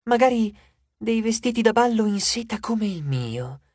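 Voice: medium pitch, sing-song, measured pace, darkish tone, no echo, voice pushed up. An audiobook narrator voicing a vain, glamorous goddess of love who talks in a gushing, condescending and theatrical way. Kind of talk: audiobook character voice.

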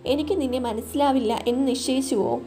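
Menacing mocking middle-aged man in an audio story, woman reading it, soft music behind. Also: sits high, brisk, close to an everyday voice.

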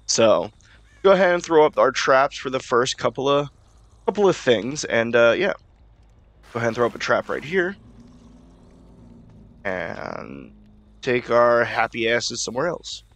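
Lively casual man commenting on gameplay. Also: medium pitch, unhurried, long pauses, dry recording. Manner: casual, profane, talking to himself. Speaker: gaming YouTuber.

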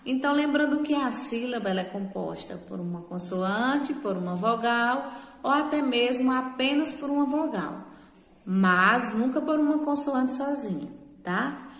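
A Brazilian woman teacher giving a remote lesson, talking patiently, repeating words slowly and checking in with short tag questions. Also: on the high side, expressive, a bit bright. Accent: Brazilian Portuguese. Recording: echoey room with long reverb.

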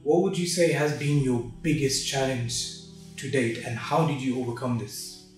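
A man's voice: mid-range voice, steady tone, normal speed. Male interviewer, polite, lots of ums, far from the mic, really echoey. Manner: polite, deferential, many fillers. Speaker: interview host. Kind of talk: hosted interview. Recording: distant mic in a very echoey room, faint music.

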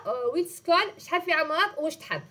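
A woman's voice: sits high, racing, a bit bright. A woman with an Algerian Arabic accent teaching a class over a video call, patiently repeating and explaining.

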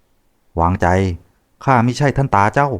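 A man's voice: mid-range voice, animated, unhurried, pitched above the performer's own voice, natural voice. A man putting on a sly mysterious old fortune-teller. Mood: knowing.

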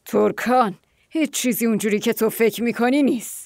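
A woman's voice: fairly high pitch, darkish tone, no room sound, clean studio sound, close to an everyday voice. A woman dubbing a bossy older village mother-in-law who scolds and gives orders. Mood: stern. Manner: scolding, commanding. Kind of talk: Persian dub of a TV drama.

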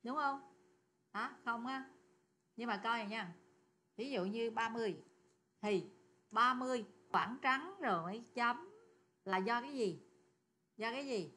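A woman explains code step by step, with a bright, clear tone pitched a little high. She talks in a chatty way and keeps turning to her students with questions. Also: measured pace, pauses often, slight background noise. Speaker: programming teacher. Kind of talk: screen-recorded coding lesson.

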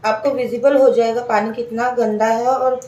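A woman's voice: a little high, steady tone, moderate pace, mellow, faint music behind. A woman, casually narrating a home cooking vlog and explaining each step to her viewers. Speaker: home cook vlogger. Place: home kitchen. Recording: echoey kitchen, mic far off.

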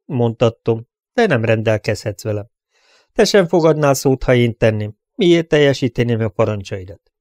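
A man voicing a calm, fearless young gunslinger in an audiobook, speaking quietly and steadily. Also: medium pitch, dry recording, studio quality, close to an everyday voice. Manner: quiet and steady, turning sharp when he threatens. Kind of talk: audiobook character voice.

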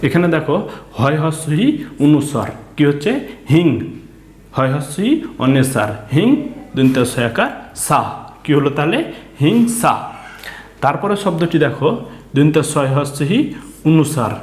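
A man's voice: a little high, expressive, normal speed, long pauses, reverberant. A man with a Bangladeshi Bengali accent teaching a children's reading lesson, patiently spelling out letters and asking questions.

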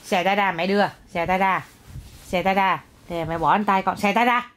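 A woman's voice: medium pitch, fairly even intonation, moderate pace, a bit bright. Young mother, casual home video, coaxing and scolding, faint background noise. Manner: coaxing, scolding and exclaiming at a toddler. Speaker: mother filming her child.

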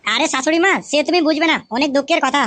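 A woman voicing a young, hot-tempered new son-in-law in an adult cartoon, ranting rapidly and swearing indignantly. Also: high voice, a bit bright. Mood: aggrieved.

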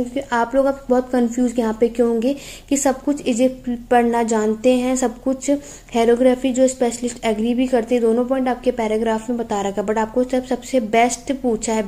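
A young woman with a fairly high, soft, mellow voice teaches an exam-prep class. She reads English passages aloud slowly, explains each one patiently, and keeps checking in with students, often asking "theek hai".

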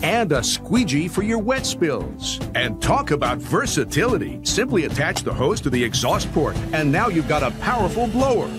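A man giving an emphatic, urgent sales pitch as a home shopping host and infomercial announcer. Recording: music bed under voice. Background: music.

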